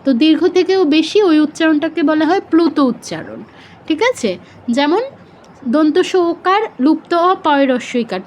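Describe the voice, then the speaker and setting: A woman's voice: sits high, a little mellow. A woman teaching Sanskrit pronunciation in a live online class, patiently explaining and drawing out example syllables.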